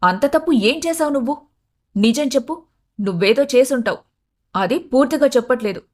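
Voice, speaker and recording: A woman voicing a sharp-tongued, contemptuous young wife in a storybook tale. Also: high voice, animated, fairly quick. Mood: scornful. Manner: sneering, irritated.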